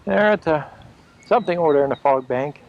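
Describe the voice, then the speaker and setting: Filming outdoors on a foggy rocky shoreline, a home video camera operator talks fairly quickly in a slightly high voice with lively intonation. His running commentary is casual and chatty, repetitive and dryly funny, captured as muffled audio on the camcorder's built-in mic under loud crashing surf.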